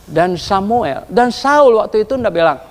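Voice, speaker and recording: A pastor preaching a sermon, telling stories animatedly and asking the congregation rhetorical questions. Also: male voice, sits high, expressive, normal speed. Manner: laughs while telling. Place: church hall. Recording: reverberant church hall.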